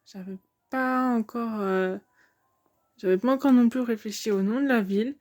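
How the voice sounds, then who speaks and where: A woman's voice: on the high side, moderate pace, darkish tone. A young woman giving casual commentary on a video game, hesitant and thinking aloud with many fillers.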